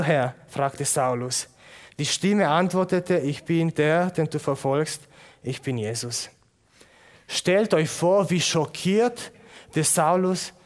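A male preacher giving a sermon in an earnest way, posing rhetorical questions and slowing down for emphasis. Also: on the high side.

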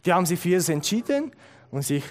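A man preaching a sermon, earnest and direct, often asking the congregation questions and building to emphatic high points. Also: very animated, quick pace.

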